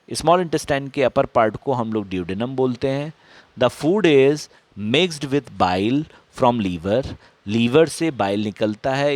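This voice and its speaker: Indian male teacher, slow dictation pace, dry close sound. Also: mid-range voice, no echo. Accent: Indian English. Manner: dictates English sentences slowly, then explains faster in Hindi. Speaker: biology teacher. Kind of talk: bilingual lesson, reading English lines slowly then explaining in Hindi.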